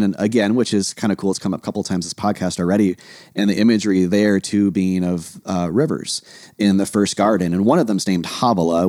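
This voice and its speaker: A man's voice: deep voice, a little mellow, no echo, clean studio sound. A man co-hosting a podcast, musing enthusiastically in casual chat. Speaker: podcast co-host.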